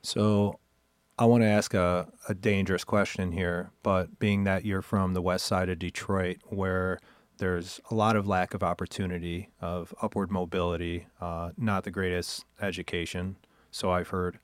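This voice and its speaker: A man with a very deep voice hosts an interview podcast. He talks casually and chattily, restarting his questions as he goes. The recording is dry and close. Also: level tone, normal speed, smooth, no room sound. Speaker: podcast host. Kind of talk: interview conversation.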